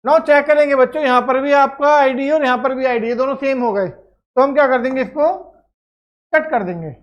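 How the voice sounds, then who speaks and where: A woman's voice: high-pitched, normal speed, dull audio. A woman teaching a lecture step by step, often checking that students follow. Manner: explains step by step, checks with "clear?". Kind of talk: classroom lecture.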